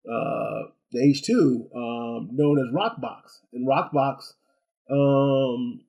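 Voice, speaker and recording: A man hosting gadget reviews rambles through a casual, unscripted review, repeating words and adding chatty asides and check-ins like "right?" He speaks very slowly in a creaky, darkish mid-range voice with fairly even intonation, and the highs are cut off.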